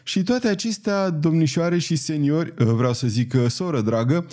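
A man reading an audiobook, voicing a talkative companion who speaks in a wordy, flattering, fussy way. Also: a little high, voice pushed up, close to an everyday voice. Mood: wheedling.

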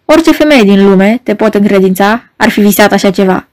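A woman's voice: mid-range voice, lively intonation, a little mellow, close to an everyday voice. A woman reading an audiobook, voicing a cold, mocking red-haired male stranger in a dry, curt, scornful manner. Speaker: audiobook reader. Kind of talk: audiobook narration.

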